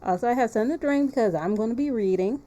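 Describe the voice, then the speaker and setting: Racing along in a mellow, fairly high voice, a streamer chats informally while playing through a visual novel live. She tends to repeat her phrases, and music runs underneath.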